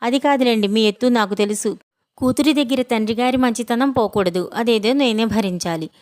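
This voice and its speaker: A woman's voice: on the high side, fairly quick, darkish tone, dry recording, studio quality, natural voice. A woman voicing a middle-aged housewife and mother, fond with her husband and flustered with the children, in a storybook reading. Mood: pouting.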